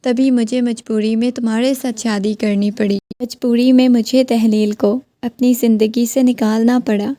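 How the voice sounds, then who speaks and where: A woman's voice: on the high side, fairly even intonation, few pauses, dark tone, no room sound, close to an everyday voice. A woman reading the lines of a stern, defensive young husband in a firm, reasoning voice.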